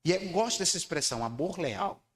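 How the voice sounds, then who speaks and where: A man preaching a sermon, asking his congregation to repeat lines back to him. He swings between loud, high declarations and low, quiet lines. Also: lively intonation, a little fast. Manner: emphatic, calls for congregation responses. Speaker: pastor. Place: church hall. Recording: long church hall reverb.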